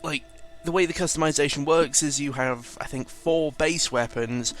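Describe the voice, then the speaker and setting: Over faint background music, a gaming video commentator with a voice on the high side talks at a moderate pace. His narration is laid-back and rambling, peppered with swearing and frequent self-corrections.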